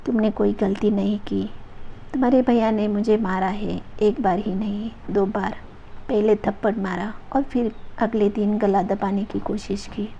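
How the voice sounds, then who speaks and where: A woman's voice: medium pitch, fairly even intonation, a little slow, gravelly, mellow, slight background noise. A woman voicing a hurt young wife who answers sharply and with annoyance, in a storybook reading. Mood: exasperated. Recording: dull lo-fi recording.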